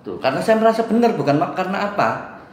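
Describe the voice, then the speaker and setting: A man's voice: high-pitched, big pitch swings, fast talker. A middle-aged man with an East Javanese accent recounts a neighborhood dispute to a mediator, acting out the quoted arguments. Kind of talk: animated retelling to a mediator. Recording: echoey room with faint background hum.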